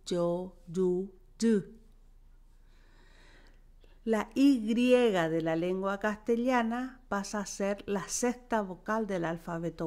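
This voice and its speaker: A woman teaching a language lesson, dictating words and sounds one by one with careful pauses. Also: mid-range voice. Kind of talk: slow, deliberate language lesson.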